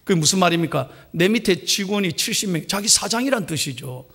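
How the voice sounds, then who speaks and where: A man preaching a sermon as pastor, emphatic and dramatic, moving between loud declarations and hushed words. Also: high-pitched, expressive, a little fast.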